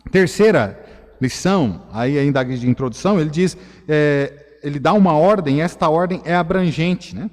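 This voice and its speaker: A man's voice: a little high, moderate pace, long reverb tail. A man preaching a sermon as a pastor, earnest and full of "né" fillers.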